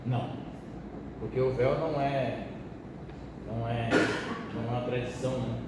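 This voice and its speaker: A man's voice: medium pitch, fairly even intonation, moderate pace. A pastor from Brazil teaching a Bible study in a colloquial, joking way and asking his listeners questions. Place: church hall. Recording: echoey hall, distant mic, background noise.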